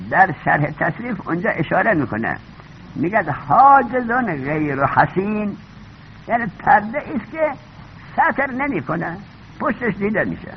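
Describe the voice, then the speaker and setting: A man teaching a class, who keeps questioning the students and repeating the key points. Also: sits high. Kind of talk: classroom lecture on grammar. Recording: dull lo-fi recording with faint noise.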